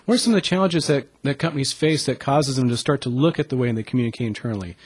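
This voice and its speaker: Male interviewer, fast-talking, dry close sound, direct questions. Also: mid-range voice, breathy edge, no room sound.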